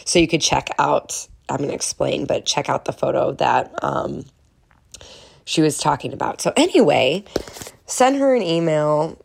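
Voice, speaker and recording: A woman's voice: low-pitched, lively intonation, moderate pace, vocal fry, slightly rough. A woman podcast host chatting casually, with a nasal voice from getting over a cold. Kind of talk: casual solo podcast chat.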